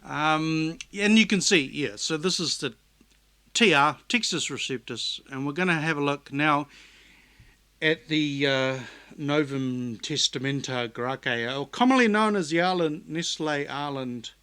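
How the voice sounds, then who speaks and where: A man's voice: a little high, a little slow, bright, forceful tone, clear, resonant tone. A man vlogging casual commentary on Bible texts, sarcastic and rambling, often correcting himself mid-sentence. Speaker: YouTube vlogger.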